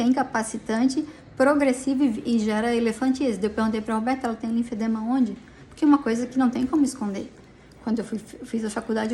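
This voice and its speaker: In a police station, a tired middle-aged woman vlogs about a personal dispute, her emotional account agitated, rambling and full of restarts. She has a somewhat high, slightly mellow voice, and a little hiss or hum runs through the audio.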